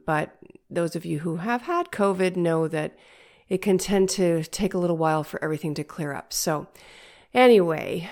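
A woman's voice: fairly low pitch, a little mellow. Nasal, congested older woman hosting a podcast. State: stuffed-up head from illness. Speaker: podcast host. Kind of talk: motherhood coaching podcast monologue.

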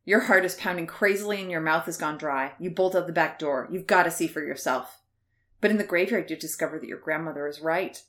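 A woman's voice: low-pitched, brisk, a bit bright. A woman co-hosting a comedy podcast, reading a children's horror book aloud with playful, dry banter. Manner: playful, dry jokes, laughs often.

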